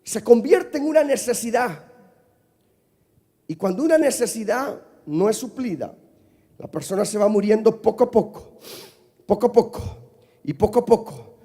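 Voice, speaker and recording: A male pastor preaching from the pulpit, his voice sitting high for a man. He leads the congregation in call-and-response and climbs to shouted peaks. The sound rings with a long church-hall reverb. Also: expressive, moderate pace, pauses often. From Costa Rica. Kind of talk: sermon. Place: church sanctuary.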